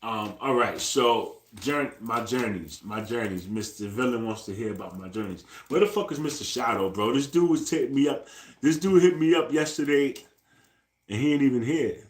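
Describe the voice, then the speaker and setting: This forties-aged livestreamer has a medium-pitched voice and a moderate pace, chatting casually from an echoey room. He uses loose slang, tacks "bro" onto nearly every phrase, and says things over again to viewers.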